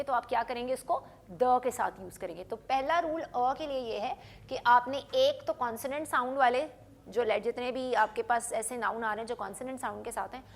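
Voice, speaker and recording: A woman teaching English grammar on television. She explains patiently, mixes Urdu with English phrases, asks rhetorical questions, and slows down on her English examples. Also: a little high. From Pakistan.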